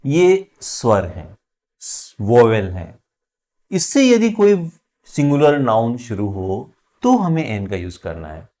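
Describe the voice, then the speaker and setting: A man teaching an English grammar lesson, slowly drawing out each example word as he explains it. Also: mid-range voice, big pitch swings, dark tone. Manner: slow, drawn-out spelling of example words.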